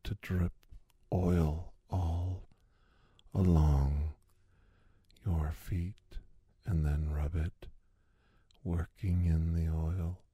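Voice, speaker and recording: A man speaking in an intimate roleplay style, soft and lingering, slipping between a low voice and a whisper. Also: flat delivery, husky, no room sound, studio quality. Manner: slow, soft, lingering delivery with long pauses.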